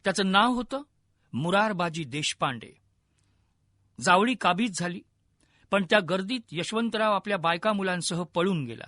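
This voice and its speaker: A man narrating a historical story in a vivid, expressive storytelling manner. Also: high voice, normal speed, pauses often, no room sound, clean studio sound.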